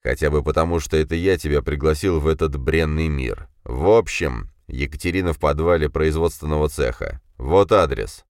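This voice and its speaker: A man voicing a mysterious hooded male guide in an audiobook, speaking quietly and slowly. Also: very deep voice, dry recording, studio quality. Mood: calm. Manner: quiet, measured, slow.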